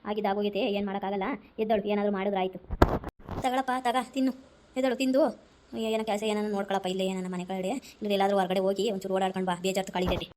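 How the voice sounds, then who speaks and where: A woman's voice: mid-range voice, fairly even intonation, quick pace, noisy background, close to an everyday voice. An actress playing a worried older mother, scolding yet tender as she consoles her grown son in a family drama. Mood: consoling. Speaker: mother-in-law of the wife. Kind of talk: amateur family drama skit.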